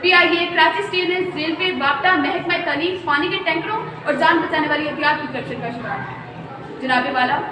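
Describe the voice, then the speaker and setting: Woman orating a formal speech, high voice, far from mic, big hall echo, noisy bg. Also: moderate pace. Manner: rhetorical, oratorical delivery with Urdu diction. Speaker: speaker in a speech contest.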